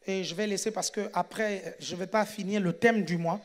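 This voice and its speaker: A man preaching a sermon in a church, shouting and animated, calling for responses from the congregation. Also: high voice, moderate pace.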